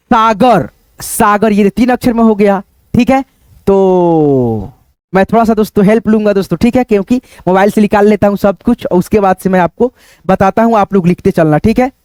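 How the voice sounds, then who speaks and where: A man teaching Hindi writing online, dictating words slowly and breaking them into syllables, often checking in with his students. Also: high-pitched, darkish tone, no echo. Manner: slow, patient dictation, repeating words syllable by syllable; keeps checking in with "ठीक है" and "दोस्तों".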